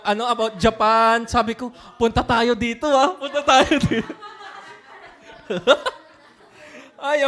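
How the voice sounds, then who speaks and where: High-voiced man telling a sermon story. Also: a bit bright. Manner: storytelling, mixes Tagalog and English, laughs often. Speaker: pastor. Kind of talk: sermon testimony.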